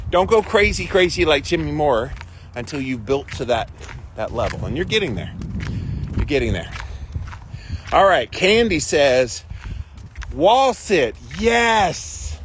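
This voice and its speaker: The host of a daily ice bath challenge livestream goes through viewers' comments, reading them out and responding in a casual, upbeat, emphatic manner. His voice is fairly high, with a little background noise.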